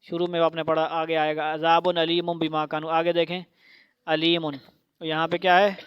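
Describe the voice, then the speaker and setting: A woman teaching Quran recitation to a child, spelling out syllables slowly for repetition and then explaining rules in quicker bursts. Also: deep voice, flat delivery, smooth, no room sound, highs cut off.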